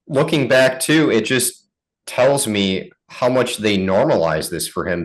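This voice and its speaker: A father giving an interview, recounting events in a measured, earnest way. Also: lowish voice, low-quality recording. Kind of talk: interview answers.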